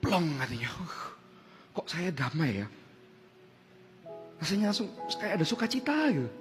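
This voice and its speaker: A young adult man, a worship leader, telling his testimony in a sermon, moving between hushed and loud, emotional storytelling. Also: on the high side, very animated, normal speed, music in the background.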